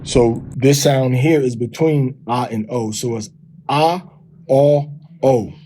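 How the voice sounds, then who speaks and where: A man teaching from a text, sounding out syllables slowly and repeating them. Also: medium pitch, dark tone, slight background noise, poor audio. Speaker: teacher of a language lesson.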